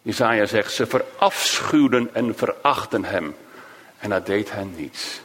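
Emotive Dutch-speaking preacher with lively pitch. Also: male voice, breathy edge. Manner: emotive, swinging between raised emphasis and hushed low phrases; slow, drawn-out delivery of quoted cries. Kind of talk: sermon.

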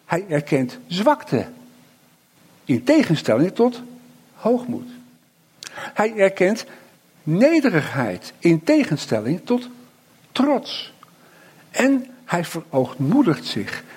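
A middle-aged man preaching a sermon, reflective, with slow emphatic pauses and frequent tag questions. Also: a little high, darkish tone, husky.

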